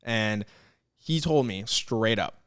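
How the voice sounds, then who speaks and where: A man's voice: lowish voice, expressive, slow pace, fairly bright tone, clean tone, no room sound, clean studio sound. A young man co-hosting a podcast, telling a story in a reflective, hesitant way with many fillers. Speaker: podcast co-host. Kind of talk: casual podcast chat.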